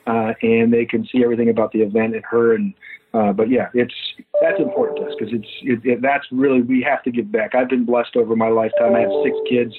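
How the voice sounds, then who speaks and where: A man in his fifties, a foundation founder, speaking haltingly with many fillers as a guest in a phone-in interview. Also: medium pitch, level tone. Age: 50s. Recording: tinny phone line.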